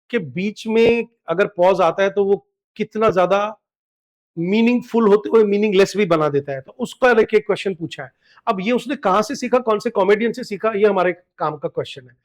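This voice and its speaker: High-voiced Indian man teaching literature. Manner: explains step by step, reads English quotes slowly. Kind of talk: exam-prep lecture, Hindi mixed with English.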